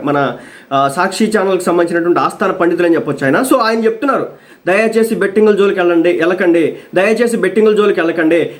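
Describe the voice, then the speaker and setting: Guy ranting about politics, high voice, talks real fast, keeps scolding. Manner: scolding, emphatic, repeats pleas. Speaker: political commentator. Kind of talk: political commentary monologue.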